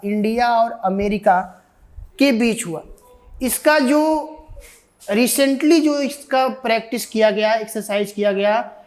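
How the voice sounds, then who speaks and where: A woman with an Indian accent giving an online exam coaching lecture, repeating key points and answering her own questions. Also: fairly high pitch. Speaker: defence exam coaching teacher.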